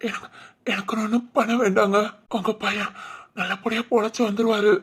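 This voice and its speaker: A woman's voice: medium pitch, flat delivery, moderate pace, husky. A woman voicing a dying middle-aged father in a doll-film drama, breathless, faltering and apologetic. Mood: humble grateful.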